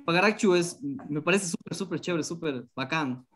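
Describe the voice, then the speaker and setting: Man, enthusiastic student on a video call, bit high. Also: moderate pace, fairly bright tone. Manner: curious, enthusiastic. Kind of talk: asking questions in an online class.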